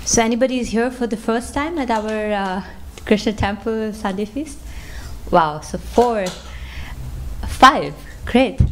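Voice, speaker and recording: A woman's voice: on the high side, unhurried, slight background noise. Conversational woman giving a temple lecture. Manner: warm and conversational, with fillers. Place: temple hall.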